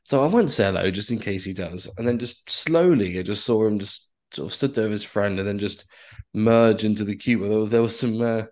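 A man's voice: on the low side, fairly quick, darkish tone. A man telling a rambling story in casual podcast chat, full of fillers and swearing. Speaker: podcast co-host.

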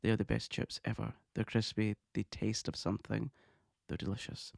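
A man hosting his own podcast, talking in a chatty, excitable way and laughing often. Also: fairly low pitch, normal speed, vocal fry, dry recording, clean studio sound. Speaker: podcast host. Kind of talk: casual monologue podcast.

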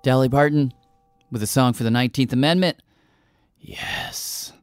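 A man's voice: mid-range voice, moderate pace. A man hosting a radio show, talking thoughtfully with some hesitation as he introduces a story. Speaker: podcast host.

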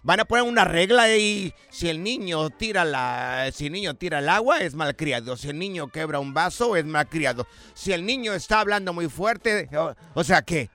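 A man with a Mexican accent co-hosting a casual podcast, blunt and quick to argue. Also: fairly high pitch, expressive, pushed and bright, soft background music. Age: adult with young children. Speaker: co-host.

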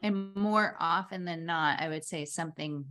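Woman, podcast host, slightly low pitch, enthusiastic, casual interview chat. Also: moderate pace, a bit bright, faint music behind. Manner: enthusiastic, talks of magic and trust.

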